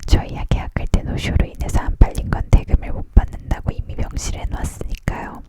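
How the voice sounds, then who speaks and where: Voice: fast talker, lightly acted. Whining little fairy chief, whispered by a reader, whispered role-play. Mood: matter-of-fact. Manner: whining, aggrieved. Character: plump little fairy chief, complaining small trader.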